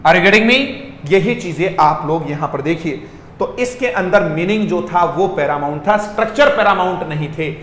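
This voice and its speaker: An energetic male English teacher, forever quizzing his class and making them repeat words. His voice sits a little high. It rings out in a roomy space with a long tail of reverb and faint background noise. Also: normal speed. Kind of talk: online lesson in Hindi mixed with English.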